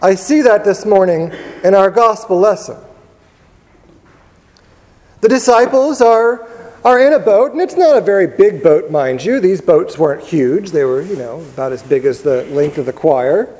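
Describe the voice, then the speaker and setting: Guy giving a sermon, really high voice, chatty storytelling, church echo all around. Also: expressive, a little mellow. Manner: storytelling, conversational, with pauses and repeated words. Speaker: preacher. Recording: long reverb of a large church hall.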